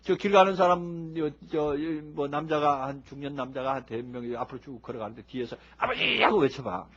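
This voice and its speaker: A man preaching a sermon in a lively, humorous way, acting out people who shout as they pray. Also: mid-range voice, brisk. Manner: animated, humorous, acts out shouting worshippers. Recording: dull lo-fi recording.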